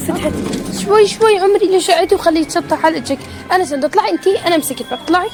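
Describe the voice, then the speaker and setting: A woman's voice: very high-pitched, racing. A young adult woman, hosting a family prank vlog at home, fussing and doting as she talks. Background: background music.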